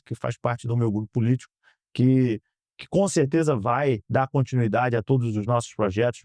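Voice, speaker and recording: A Brazilian man in his thirties answering interview questions in an earnest, measured way, often ending phrases with a questioning tag. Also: mid-range voice, dark tone, no room sound, clean studio sound. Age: 30s. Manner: earnest, measured, frequent "né?" tags. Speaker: guest, politician. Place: podcast studio.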